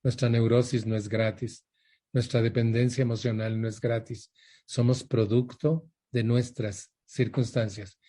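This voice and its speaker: Mellow husky older Mexican man preaching. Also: mid-range voice, flat delivery, unhurried. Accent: Mexican Spanish. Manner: emphatic, repetitive, asks the audience questions. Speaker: speaker for a women's support group. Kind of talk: motivational talk with anecdotes.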